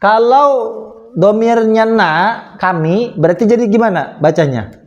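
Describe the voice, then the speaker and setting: Indonesian guy teaching grammar in a little prayer room, slow and patient, keeps quizzing the class, voice sits kinda high. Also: lo-fi sound. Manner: slow, patient, asks and answers his own questions. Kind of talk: classroom lesson with questions to students.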